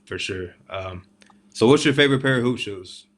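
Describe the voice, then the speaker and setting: A man's voice: mid-range voice, moderate pace, a bit bright. A man hosting a sports talk show, chatting with a player in an informal, slangy way. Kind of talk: casual sports interview.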